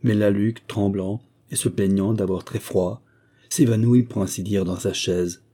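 A man narrating a classic novel as an audiobook, reading in a measured, steady way. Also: lowish voice.

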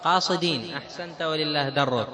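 A man's voice: on the high side, a little fast, sharp tone. A man teaching a religious lesson to a class, quizzing the students and drawing words out to show how they are pronounced. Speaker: Islamic teacher.

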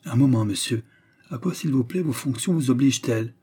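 A man's voice: mid-range voice, fairly quick, mellow, slightly rough. A man reading the part of a proud, defiant noblewoman prisoner, speaking with indignant outbursts. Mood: wary.

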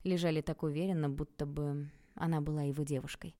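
A woman reading an audiobook aloud in a calm, even storytelling manner. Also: low-pitched, a little fast. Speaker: audiobook narrator. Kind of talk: scripted narration.

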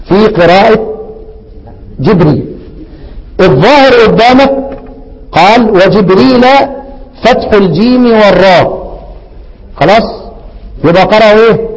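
Lively teacher man in a reverberant hall. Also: sits high. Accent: Egyptian Arabic. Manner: lively, questions the students and answers himself, repeats words. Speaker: Quran recitation teacher. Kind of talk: teaching a class on Quranic readings.

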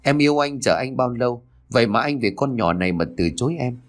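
A man voicing a spiteful, jealous schoolgirl in a read-aloud story, speaking in a sharp, taunting way. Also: medium pitch, animated, fast talker, natural voice. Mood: whiny.

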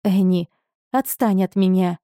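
A woman's voice: on the low side, fairly even intonation, measured pace, dark tone, no room sound, clean studio sound. A woman reading a curt, weary young noblewoman. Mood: exasperated.

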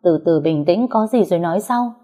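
A woman's voice: fairly low pitch, expressive, a little fast, mellow. A woman voicing a worried young husband in an audio story. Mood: anxious.

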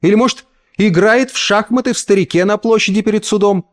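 A man doing a sharp scornful mother. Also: high voice, lively intonation, fairly quick, pitched above the performer's own voice. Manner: sharp, mocking, biting. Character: tall, cold, scornful mother.

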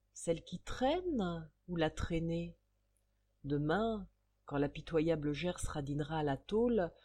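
A woman reading a short story aloud in an expressive storytelling manner, relishing old street slang. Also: fairly low pitch, slightly rough. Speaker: narrator.

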